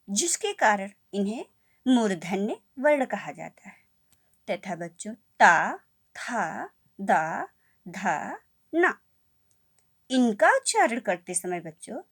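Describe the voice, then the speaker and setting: A woman teaching a lesson to children, speaking slowly and clearly, repeating key points and asking the class questions. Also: on the high side.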